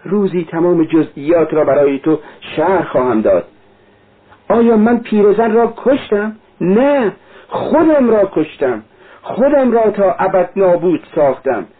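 A man's voice: high-pitched, lively intonation, slightly rough, pitched above the performer's own voice. An actor playing a tormented, bitter young man who speaks with agitated intensity. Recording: narrow lo-fi radio-like sound.

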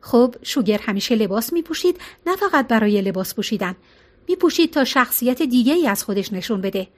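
A woman reading a novel aloud as audiobook narrator, in steady storytelling. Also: fairly high pitch.

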